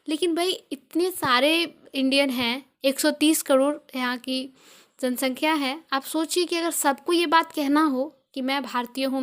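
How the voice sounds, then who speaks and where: High-voiced Indian woman teaching grammar. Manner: patient, repeats points with many examples. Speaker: English teacher. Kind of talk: explaining grammar in a video lesson.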